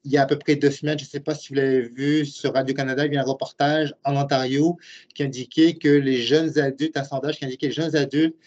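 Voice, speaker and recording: Slightly high with a darkish tone, the voice belongs to a Québécois French-accented man in his late forties who is a university program director and professor. He answers webinar questions earnestly, explaining his views and thinking out loud. The sound is muffled lo-fi web call audio.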